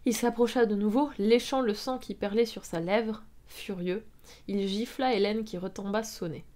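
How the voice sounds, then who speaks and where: A woman reading an amateur story aloud on a live stream, at a mid pitch for her. She keeps stopping to mock the text with dry, sarcastic asides. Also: fairly even intonation, moderate pace, warm tone, slight background noise. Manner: reads with frequent sarcastic asides and laughs.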